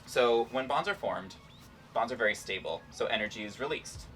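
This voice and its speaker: A man's voice: medium pitch, moderate pace, a bit bright, far from the mic, soft background music, low-quality recording. A man hosting a casual science demonstration, explaining things informally and playfully. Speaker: host, scientist.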